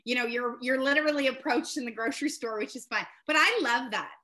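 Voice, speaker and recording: Bright-voiced chatty woman. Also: fairly high pitch, fast talker. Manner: chatty storyteller with frequent laughs and fillers. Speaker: realtor and podcast guest. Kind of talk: casual podcast conversation.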